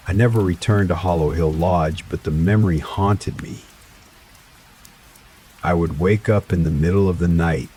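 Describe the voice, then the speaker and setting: A man narrating a first-person horror story in a slow, dramatic scripted style. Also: sits low, darkish tone, slight background noise. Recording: faint rain sounds behind voice. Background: rain ambience.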